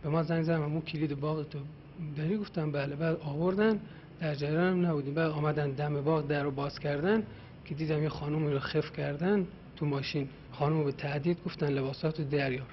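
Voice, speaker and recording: Male suspect, slow matter-of-fact account, slightly high voice, distant lo-fi audio. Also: fairly even intonation, a little hiss or hum. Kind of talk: interrogation account.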